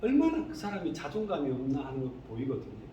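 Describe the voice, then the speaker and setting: A male pastor preaching a sermon in a church, animated, who keeps asking the congregation rhetorical questions. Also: on the high side, quick pace, dull audio. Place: church sanctuary. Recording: echoey hall, distant mic, faint noise.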